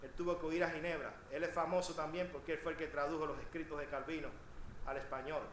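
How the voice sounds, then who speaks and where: A male pastor preaching a sermon in a church, swinging between quiet asides and shouted emphasis. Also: on the high side, fairly even intonation, quick pace, slight background noise. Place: church sanctuary. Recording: echoey church room.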